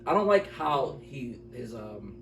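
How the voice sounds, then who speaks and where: In an unhurried, sing-song, slightly bright mid-range voice, a man co-hosts an easygoing movie review chat. He's casual and strongly opinionated, restating points often; the audio sounds roomy and distant with faint noise.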